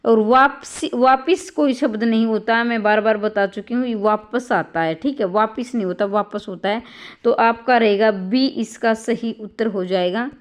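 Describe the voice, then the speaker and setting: Woman teacher, kinda high voice, going thru exam answers, keeps saying theek hai. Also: moderate pace. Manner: talks students through each answer, often adds "bhai" and "theek hai". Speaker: Hindi exam tutor.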